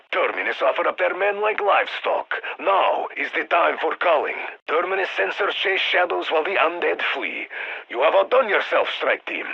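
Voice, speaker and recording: Over a muffled radio, a battle-hardened Russian commander gives clipped, formal mission orders in a full character voice. His voice is fairly high for a man, with a heavy gravelly rasp and a Russian accent, sounding stern and commanding like a video game military handler.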